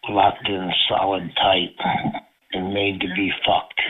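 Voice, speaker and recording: Breathy man in his fifties over a landline phone. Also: sits low, monotone, slow. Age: 50s. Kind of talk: voicemail message. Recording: narrow tinny phone line.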